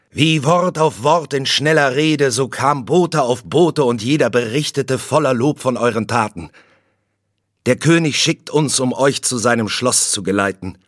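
A man's voice: mid-range voice, dry recording, clean studio sound, pitched above the performer's own voice, close to an everyday voice. A man voicing a royal messenger lord who speaks formally and eagerly.

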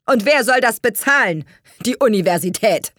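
Woman doing a harsh scornful dad in an audiobook, pitched up and loud, dry sound. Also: expressive, normal speed, no echo. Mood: stern scornful. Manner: harsh, scolding. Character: stern wealthy father, scornful and proud. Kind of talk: audiobook reading.

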